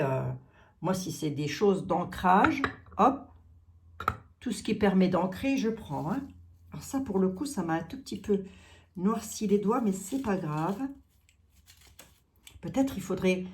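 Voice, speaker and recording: A chatty middle-aged woman hosts a casual unboxing for her viewers. She thinks aloud as she goes, repeating words and filling pauses. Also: lowish voice, a little mellow. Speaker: psychic channel host opening gifts.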